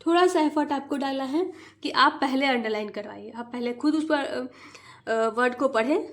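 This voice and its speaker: A woman, a mother and tutor, hosting an instructional video for parents, explaining step by step and spelling letters out slowly in a sing-song rhythm. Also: high-pitched. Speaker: mother and tutor, channel host.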